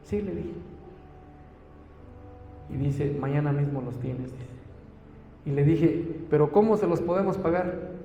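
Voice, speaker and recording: Earnest Mexican pastor in an echoey church. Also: male voice, fairly high pitch, unhurried, creaky, pauses often, lo-fi sound, faint music behind. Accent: Mexican Spanish. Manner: earnest storytelling, acts out dialogue. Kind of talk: sermon with personal testimony. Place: church hall. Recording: echoey church hall, faint ambience.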